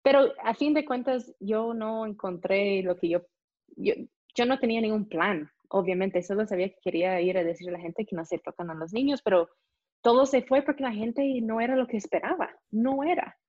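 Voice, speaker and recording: A young woman with an American accent and native English, telling a lively story as an interview guest and acting out the people in it. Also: medium pitch, fairly quick, dry recording. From United States. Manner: animated, acts out voices in her story. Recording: dull, muffled sound.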